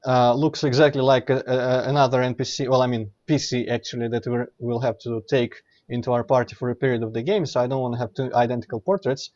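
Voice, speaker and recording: A man commentates casually over his own game playthrough. He explains as he goes, rambling and correcting himself, in a middle-pitched voice through a slightly dull microphone. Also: fairly even intonation, fast talker, few pauses, darkish tone. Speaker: streamer playing and commenting. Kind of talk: casual let's play commentary.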